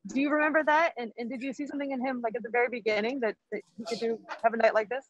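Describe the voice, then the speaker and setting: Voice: medium pitch, fairly even intonation, rapid-fire, fairly bright tone, dry recording. Hesitant reporter on a dull, distant line. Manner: rambling, hesitant question. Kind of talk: press conference question.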